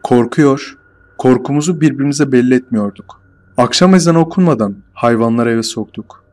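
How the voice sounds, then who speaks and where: A man telling a first-person horror story in a steady, measured storytelling voice. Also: mid-range voice.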